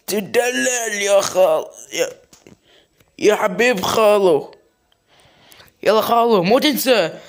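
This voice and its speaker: A man with an Iraqi Arabic accent acting out an improvised comic skit in several roles, hesitating and repeating his words. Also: high-pitched. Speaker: comedy skit performer narrating game play. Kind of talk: improvised comic role-play skit, voicing several characters.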